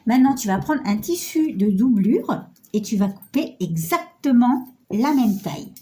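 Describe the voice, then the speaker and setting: A middle-aged woman with a stuffy cold sounds nasal as she chats, poking fun at herself while guiding viewers through a sewing project on her phone camera. Her warm voice is a little high and a little slow, with lively intonation and a faint hiss or hum, in a casual sewing tutorial.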